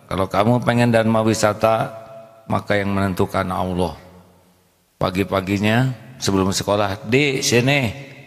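Gravelly preacher. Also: male voice, fairly low pitch, moderate pace, long pauses. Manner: lively storytelling, acts out characters. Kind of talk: storytelling sermon. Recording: echoey hall reverb.

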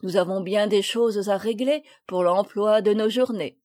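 A woman reading the part of a gentle older father, speaking calmly and kindly. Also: medium pitch, a little slow, close to an everyday voice. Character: gentle older male father, naval officer.

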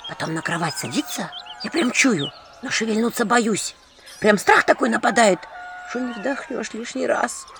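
A woman reading an audiobook, voicing a frightened, shy village widow who pleads in a breathy half-whisper. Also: high-pitched, animated, measured pace, a bit bright, voice pushed up, heavily acted. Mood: hushed fearful. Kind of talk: audiobook character voice.

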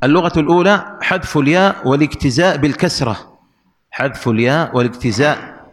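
A man teaching Arabic grammar in a recorded lesson, spelling out the rules slowly and repeating each example with care. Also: on the high side, long reverb tail.

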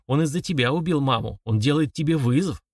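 A man voicing a distraught, grieving young man who speaks in a shrill, choked, accusing way. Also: a little fast, slightly rough, no room sound, clean studio sound.

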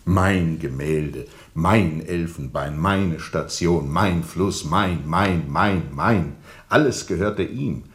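An actor playing a haunted sea captain in a radio drama, brooding and intense, moving between whispers and forceful declamation. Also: male voice, low voice, slow pace. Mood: impassioned. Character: haunted, feverishly intense sea captain recounting a jungle ordeal. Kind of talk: German radio drama monologue.

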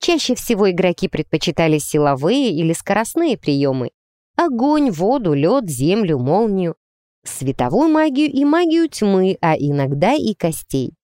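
A woman narrating a first-person novel as an audiobook, lively and ironic in her storytelling. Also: mid-range voice, a little slow, no echo, clean studio sound.

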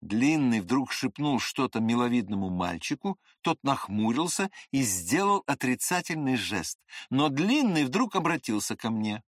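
An audiobook reader narrating a novel in an expressive, scripted way. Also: mid-range voice, unhurried, hardly any pauses, no echo, clean studio sound.

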